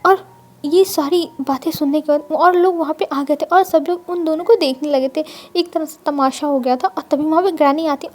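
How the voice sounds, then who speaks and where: A woman retelling a fan-fiction story in a casual, chatty way, often restarting and wandering. Her voice sits high, with a mellow, soft tone.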